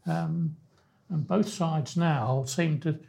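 Male guest raised in Wales, high voice, measured and careful. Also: creaky, darkish tone. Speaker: podcast guest. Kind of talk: conversational discussion.

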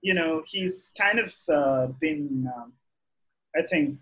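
A man's voice: on the high side, slow, a bit bright, husky. A man with an Indian English accent chatting casually and giving opinions as a podcast guest, often repeating and restarting his phrases.

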